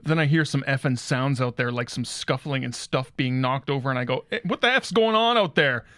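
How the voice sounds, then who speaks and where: A man's voice: medium pitch, fairly even intonation, fairly quick, fairly bright tone, dry recording, studio quality, lightly acted. A man playing a crude, cocky guitar store owner who brags about rock and says 'effing' in place of swears. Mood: cocky boasting. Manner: swaggering, swaps swears for 'effing' and 'F'. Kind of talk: comedy character monologue.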